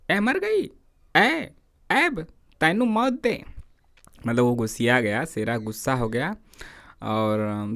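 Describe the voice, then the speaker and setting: Male teacher reading and explaining a story. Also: mid-range voice. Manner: stops the reading to explain words and ask the class rhetorical questions. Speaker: literature teacher. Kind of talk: reading aloud and explaining a story for exam prep.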